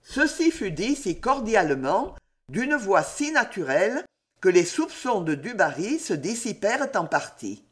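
A man narrates a historical novel in a high, animated voice. He takes his time, letting each phrase land slowly, and shifts into theatrical deliveries for the characters. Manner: theatrical, sweeping pitch for dialogue. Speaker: audiobook reader. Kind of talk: expressive audiobook narration.

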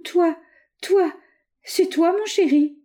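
A woman voicing a melodramatic jilted young woman, speaking high, plaintive and choked with emotion. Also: slow pace, mellow. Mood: dazed tender. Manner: plaintive, choked theatrical delivery.

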